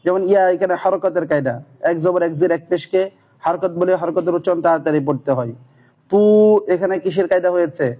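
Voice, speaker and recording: A man, a madrasa teacher giving a methodical, steady lesson on reading the Quran. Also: high voice, dull audio. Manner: chants Arabic syllables slowly and loudly when demonstrating. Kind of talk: instructional talk on Quran reading.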